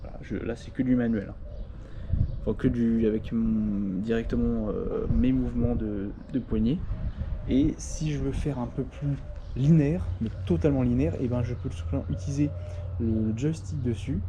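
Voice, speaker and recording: A man's voice: medium pitch, moderate pace, noisy background. A young man casually demonstrating a gimbal, rambling with many fillers and restarts, outdoors in a small courtyard. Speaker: tech vlogger reviewing a gimbal. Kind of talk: casual demo talk.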